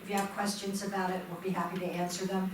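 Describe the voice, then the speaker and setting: A woman's voice: lowish voice, flat delivery, fast talker, noisy background. A woman from the church board making an announcement, chatty and correcting herself as she goes. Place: church sanctuary. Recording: echoey hall mic from far off.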